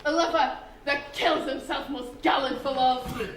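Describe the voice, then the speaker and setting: A woman playing a fussy, flustered director of amateur actors on stage, bossy and excitable. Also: high-pitched, unhurried. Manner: bossy, excitable, laughs between lines. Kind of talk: stage play performance. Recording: echoey hall with background noise.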